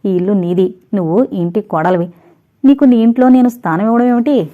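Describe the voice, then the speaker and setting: A woman doing a gentle motherly mother-in-law. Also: mid-range voice, a little fast, close to an everyday voice. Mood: affectionate. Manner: gentle, soothing. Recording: dull lo-fi recording.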